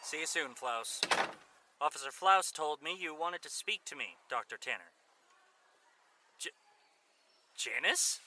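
A betrayed, bewildered detective acted by a man in an audio drama. His voice is higher-pitched and very sharp, with lively, insistent questioning. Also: a little slow, long pauses, a little hiss or hum, exaggerated voice. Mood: guarded.

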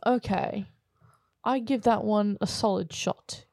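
A woman's voice: medium pitch, fairly even intonation, takes it slowly, vocal fry, darkish tone, no echo. An American woman co-hosting a casual podcast, giggly and tipsy, swearing now and then. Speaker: podcast co-host.

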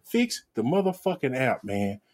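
A man's voice: mid-range voice, moderate pace. A man co-hosting a casual sneaker podcast, ranting with lots of profanity and mocking impressions. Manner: animated, profane, mocks others in exaggerated voices. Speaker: podcast co-host.

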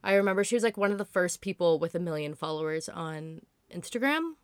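A woman in her twenties hosting a podcast in a casual solo chat, hoarse from being sick, rambling and chatty with lots of "like" fillers. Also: lowish voice, lively intonation, a little fast, no room sound, studio quality. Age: 20s. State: hoarse from illness. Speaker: podcast host.

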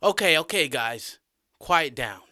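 A man voicing a patient, principled male teacher in a spoken story, earnest and clear. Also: mid-range voice, animated, slow, pushed and bright, no echo, clean studio sound.

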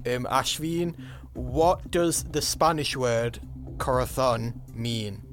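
A man's voice: medium pitch, takes it slowly, fairly bright tone, faint music behind. A man hosting a podcast and running a quiz round, teasing the players in a dry way. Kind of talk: casual quiz chat.

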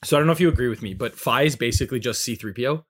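A man's voice: mid-range voice, rapid-fire. A man co-hosting a casual podcast, chatting about video games and acting out characters' lines. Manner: animated, acts out game characters' lines with laughs. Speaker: podcast co-host.

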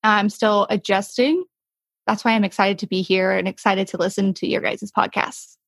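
A woman's voice: medium pitch, fairly even intonation, moderate pace, vocal fry, fairly bright tone, dry recording. A woman in her late twenties from the United States, answering casually as an interview guest. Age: late 20s.

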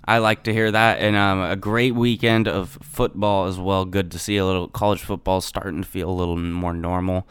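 Smooth, low-voiced male sports podcast host. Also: flat delivery, normal speed, hardly any pauses, no echo. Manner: informal, slangy. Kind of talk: casual hosting and sports recap.

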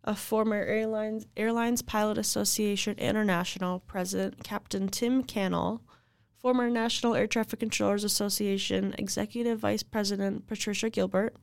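A woman's voice: medium pitch, steady tone, normal speed, creaky, dry recording. A young woman co-hosting an aviation podcast, chatting and reading out news items. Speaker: podcast co-host. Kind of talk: casual podcast chat.

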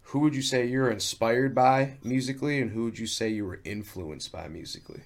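A man's voice: medium pitch, brisk. A man hosting a casual interview, speaking in loose slang with offhand swearing. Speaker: interviewer, host. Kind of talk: casual chat.

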